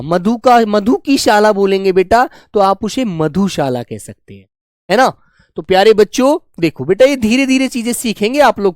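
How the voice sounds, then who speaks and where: A man teaching a spelling class online, coaxing his students and slowly repeating words to show how they are said. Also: high voice, a little mellow, dry recording, studio quality. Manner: coaxing, keeps calling students "beta" and "bachche". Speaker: Hindi teacher.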